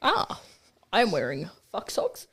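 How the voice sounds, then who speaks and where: A young adult host, chatting casually on a podcast, joking and swearing freely. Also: male voice, high voice, wildly swooping pitch, slow pace, fairly bright tone, breathy edge. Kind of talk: casual chat.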